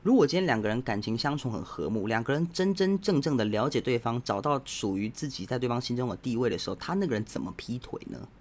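A man's voice: medium pitch, expressive, fast, hardly any pauses, darkish tone, slight background noise. A man with a Taiwanese Mandarin accent, hosting a podcast as a casual opinion monologue, blunt and provocative as he lectures his listeners directly. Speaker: podcast host.

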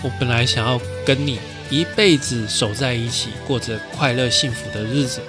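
A man voicing a gentle young woman who is secretly a ladybug spirit, in a storytelling podcast. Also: mid-range voice, normal speed, music in the background, natural voice. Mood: tender.

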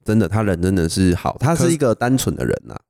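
A young Taiwanese man co-hosting a podcast, rattling off stories at a fast clip. His voice sits fairly low with a mellow, relaxed tone. He laughs easily, and the sound is dry with no room echo. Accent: Taiwanese Mandarin. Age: young adult. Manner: animated storyteller, laughs often. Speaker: podcast co-host. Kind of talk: casual storytelling chat.

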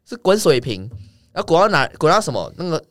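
A man's voice: fairly high pitch, no echo, clean studio sound. A young man, telling a story in a casual chat, swearing freely as he talks. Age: young adult. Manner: rapid, swearing, animated anecdote telling. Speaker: guest.

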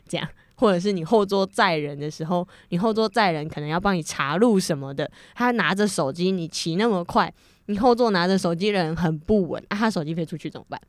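A woman's voice: fairly low pitch, dry recording. A young woman with a Taiwanese Mandarin accent chatting casually on a podcast, acting out both sides of an argument and laughing often. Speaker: podcast co-host. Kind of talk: casual chat.

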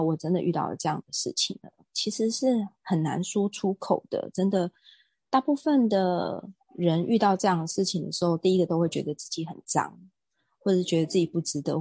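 A woman, a guest on an interview show, telling stories in an outspoken, animated way. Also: lowish voice, vocal fry, slightly rough, dry recording. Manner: outspoken, self-described fiery temper; animated storytelling. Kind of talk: casual interview talk.

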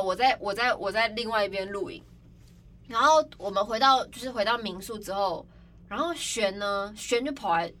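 A young woman hosting a podcast, telling stories in a casual, animated way and acting out other people's cries. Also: mid-range voice. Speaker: podcast host. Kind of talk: casual storytelling chat. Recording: slightly distant mic, faint background noise.

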